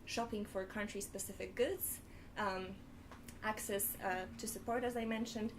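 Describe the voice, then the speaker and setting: A woman's voice: mid-range voice, steady tone, normal speed, noisy background. A young woman hosting a live student webinar panel, organised with a few fillers. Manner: organised, slightly hesitant with fillers. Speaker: panel host.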